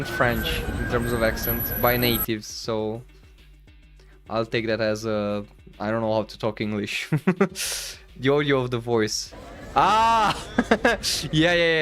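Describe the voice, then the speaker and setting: A man's voice: medium pitch, a bit bright, smooth. A young man from the Balkans chatting casually on a stream over vlog footage, rambling with lots of fillers and laughing easily. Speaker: streamer host.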